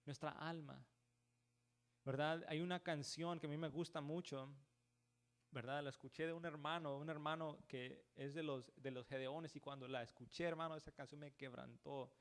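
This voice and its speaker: Guy preaching a sermon in church, voice a bit on the high side, keeps saying brother and right?, lots of restarts. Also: steady tone, moderate pace. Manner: peppers talk with "hermano" and "¿verdad?"; restarts words, slips into English words.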